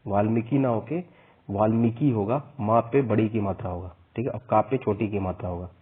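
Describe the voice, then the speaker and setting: Man with a husky voice teaching Hindi spelling. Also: fairly low pitch. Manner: slow and repetitive, spelling out vowel signs. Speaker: exam prep teacher. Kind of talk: spelling lesson. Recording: tinny phone-like sound.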